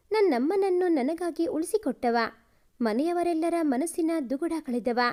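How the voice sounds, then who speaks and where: A woman with a high, light voice narrates a heartfelt family story in the first person. Her reading is gentle and measured, and she softens into quieter voices for the dialogue.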